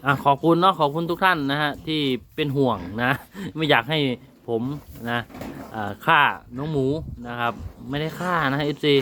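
A man's voice: on the high side, moderate pace, sharp tone, a little hiss or hum. A man talking casually to viewers in a farm vlog. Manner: chatty, addresses viewers often. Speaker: vlogger raising pigs.

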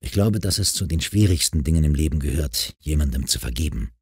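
Audiobook: narrator doing a patient, caring man, very deep, husky voice, dry sound. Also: a little fast, dry recording, full character voice. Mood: earnest. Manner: calm, patient, persuasive. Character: calm, caring grown man who counsels a troubled girl.

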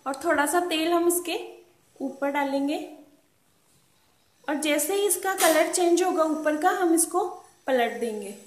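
High-voiced woman teaching a cooking recipe. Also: measured pace, long pauses. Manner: calm, patient instructional talk, repeats tips. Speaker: cooking channel host. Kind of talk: step-by-step cooking demonstration. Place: home kitchen at a gas stove. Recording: roomy kitchen echo with pan sounds.

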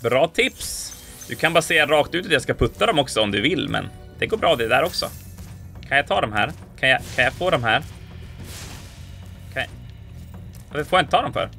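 Excitable man playing a game. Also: medium pitch, creaky, pauses often, soft background music. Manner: excitable, exclaiming, playful sound effects. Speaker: let's player. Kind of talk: casual gameplay commentary.

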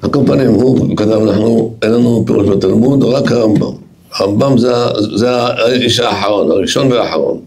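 A man with an Israeli accent teaching a Torah lesson to a yeshiva class, emphatic and repetitive, growing loud and excited as he tells stories. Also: on the low side, slight background noise.

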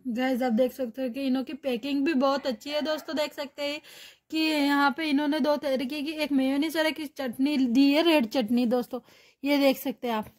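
A woman's voice: high-pitched, steady tone, normal speed, dry recording. A young woman food vlogger chatting enthusiastically to her viewers while reviewing a rooftop restaurant, filmed on a handheld phone. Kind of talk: casual restaurant review vlog. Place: rooftop restaurant at night, outdoors.

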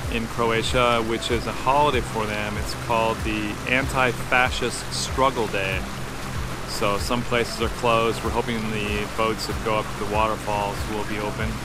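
Man in his 50s, sailing vlog host on deck, low monotone, loud music under the voice. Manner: relaxed, rambling with fillers. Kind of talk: casual chat to camera. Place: outdoors on a sailboat on a river. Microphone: phone held at arm's length.

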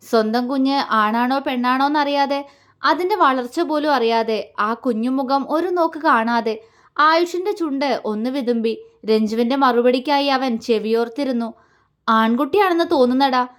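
A woman reading an emotional romance audio story, dramatic and heartfelt. Her voice is high and clear throughout. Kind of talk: scripted narration.

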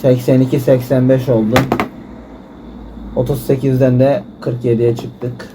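A man giving frustrated gameplay commentary, swearing and shouting at the game. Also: medium pitch, level tone, a little slow, noisy background. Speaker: gaming YouTuber. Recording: music loud behind voice.

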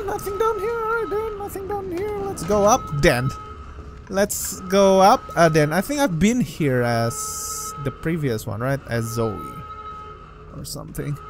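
Jumpy, excitable man playing a horror game. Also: a little high. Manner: excitable, jumpy, talks to himself with loud startled outbursts. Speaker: gameplay commentator. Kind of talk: let's play commentary. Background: game music and sound.

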